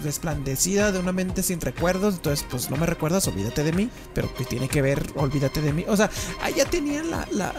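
A Mexican woman talks with a very lively, swooping pitch, joking and swearing casually as a co-host on a comedy talk show. Soft music plays faintly in the background. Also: a little fast. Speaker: podcast co-host.

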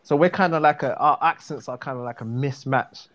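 A man with a South London accent in a relaxed casual chat, full of fillers and restarts. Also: medium pitch, fairly quick. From South London, England.

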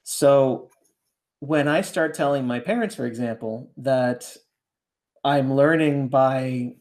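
A man raised in Canada talks through his ideas as a ghostwriter on a podcast, his voice sitting at an ordinary middle pitch. He circles back, restarts his thoughts and keeps tagging them with a questioning "right?", relaxed and conversational. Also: slow. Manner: reflective, rambling, keeps asking "right?". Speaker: ghostwriter guest.

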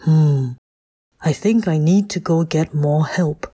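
A woman voicing a friendly young male dinosaur in a children's story, calm and gentle in her manner. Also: low voice, slow, breathy edge, full character voice.

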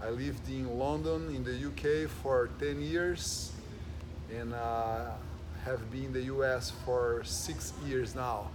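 A man from Brazil speaks with a Brazilian Portuguese accent in a relaxed podcast chat, earnest and steady. His voice sits at a middling pitch. A clear hum of background noise runs under the recording. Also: slow pace. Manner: earnest, with frequent "and, uh" fillers. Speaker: jiu-jitsu gym owner and podcast host.

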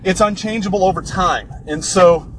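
A man's voice: high-pitched, moderate pace, fairly bright tone, slight background noise, poor audio. A man, a bit out of breath, giving an informal livestream lesson as a course instructor, explaining casually and correcting himself as he goes.

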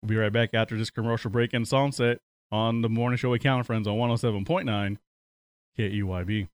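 A man hosting a radio morning show in a studio, telling stories in a relaxed, rambling way. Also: lowish voice, a little fast, smooth, no room sound. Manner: relaxed, rambling anecdotal delivery with laughs. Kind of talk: casual radio chat and storytelling.

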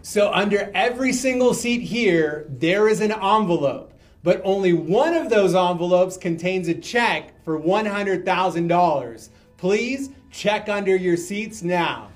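A man's voice: high voice, expressive, unhurried, soft background music. An actor playing an upbeat motivational speaker announcing a giveaway to his crowd. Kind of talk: scripted skit acting.

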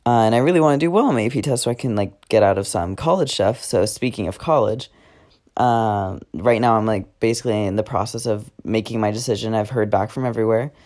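Rambling teenage guy, low voice. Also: a little fast, darkish tone. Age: teens. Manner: rambling, many fillers and self-corrections. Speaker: podcast host. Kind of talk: casual diary monologue.

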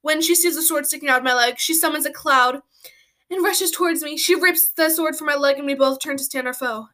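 A woman telling a silly made-up adventure in a casual, slangy, animated way, full of "like" and "bro". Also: high voice, fairly quick. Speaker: storyteller. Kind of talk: casual comic storytelling.

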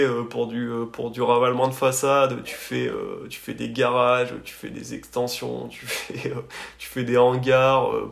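A man from France, an architect appearing as a podcast guest, speaks at medium pitch with vocal fry. He tells his story in a hesitant, colloquial way, peppered with verbal tags, and the recording has a roomy echo.

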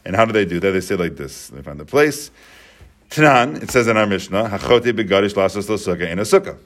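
Man, Talmud teacher, low voice, patient step-by-step explaining. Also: lively intonation, fast talker. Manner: explains step by step, repeats and restates points.

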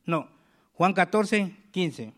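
A man preaching a sermon, reading scripture aloud slowly and calling the congregation for amens. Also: high voice, expressive, fairly bright tone.

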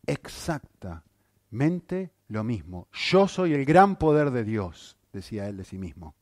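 A male pastor preaching a sermon, animated, with rhetorical questions and frequent checks on his listeners. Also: mid-range voice, takes it slowly, no room sound, studio quality.

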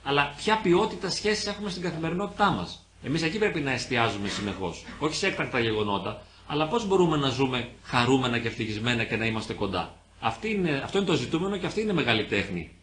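A man giving an earnest, gentle pastoral talk on marriage and family in a church, answering audience questions with everyday examples. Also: mid-range voice, animated. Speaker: invited speaker on marriage.

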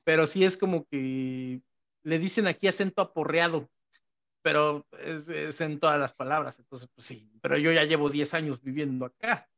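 High-voiced man with a Mexico City accent. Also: moderate pace, vocal fry. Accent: Mexico City Spanish. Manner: animated, acts out quoted dialogue. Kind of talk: casual conversation.

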